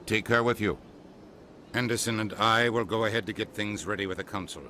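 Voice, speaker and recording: An actor playing a male official who speaks in a brisk, authoritative way. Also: on the low side, fairly even intonation, pushed and bright, slight background noise. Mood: firm.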